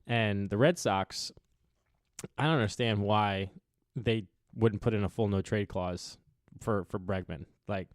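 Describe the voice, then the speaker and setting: A man's voice: fairly low pitch, a little slow, dry recording, clean studio sound. A man hosting a casual podcast on a headset in an apartment, rambling with lots of "like" and trailing thoughts. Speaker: podcast host. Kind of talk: casual chat.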